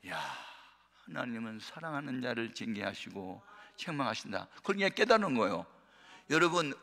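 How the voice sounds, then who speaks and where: A man preaching a sermon as a pastor, telling a childhood story with lively voices and laughter. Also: mid-range voice. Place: large prayer hall. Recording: long hall reverb.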